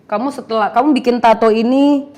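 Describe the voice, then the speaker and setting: A young woman, somewhat high-voiced, tells her testimony with lively, animated storytelling. She acts out the voices in her story and mixes in English phrases as she goes. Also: a little fast. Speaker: guest giving a testimony. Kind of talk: emotional testimony interview.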